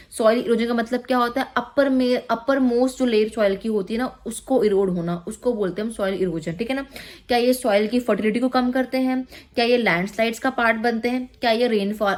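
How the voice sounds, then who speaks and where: A woman coaching teacher walks through exam questions in a conversational way, mixing Hindi and English and often checking that students follow. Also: on the high side. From Jammu and Kashmir. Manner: conversational, repeats "ठीक है ना" to check understanding.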